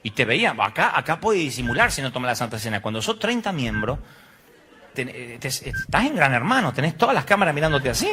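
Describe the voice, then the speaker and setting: A man's voice: medium pitch, sing-song, a little fast, pushed and bright, slight background noise. A middle-aged Argentine man preaching a humorous sermon, telling stories with acted voices and sound effects. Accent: Argentine Spanish. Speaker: pastor.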